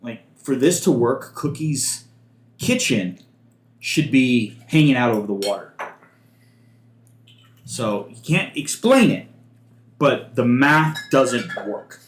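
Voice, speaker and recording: Male game master, talkative, mid pitch, echoey room with faint background noise. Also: animated, slow, pauses often. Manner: chatty, explains rules and setting at length. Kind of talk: narrating a tabletop game.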